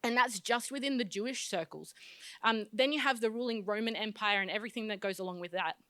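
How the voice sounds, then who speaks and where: A woman's voice: mid-range voice, fast, pushed and bright, no room sound. A woman pastor giving a sermon in a conversational, self-deprecating way, often restarting her phrases.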